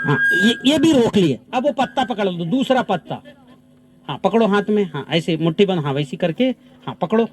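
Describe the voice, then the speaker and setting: Brief: male farming trainer, high and animated voice, outdoor field demo, firm repeated instructions. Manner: animated, repeats short commands. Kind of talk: live outdoor demonstration with participants. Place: outdoors on farmland under trees.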